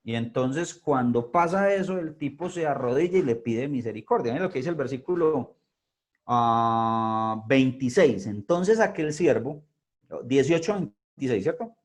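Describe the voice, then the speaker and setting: Conversational teacher. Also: male voice, mid-range voice, expressive, unhurried. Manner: conversational, often checks in with listeners. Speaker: Bible teacher. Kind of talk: online Bible class. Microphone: video call.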